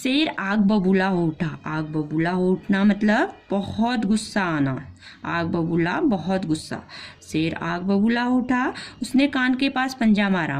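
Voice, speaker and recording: A woman teacher explaining a storybook lesson to young children, repeating lines, asking the class questions and mixing English classroom phrases into her Hindi. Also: mid-range voice. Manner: acts out the lion's roars and the fly's retorts as she reads. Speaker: primary school teacher.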